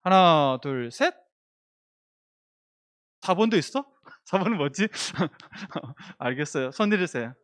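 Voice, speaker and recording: High-voiced man preaching to children. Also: animated, slow, pauses often, a bit bright. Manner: asks children questions, leads them in reading aloud and prayer. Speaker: children's pastor. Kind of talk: children's sermon.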